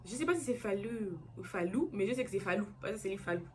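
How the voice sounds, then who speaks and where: A woman's voice: mid-range voice, animated, fast talker, over music. A young woman vlogging in a casual chat to camera, earnest and chatty, repeating herself and using many fillers.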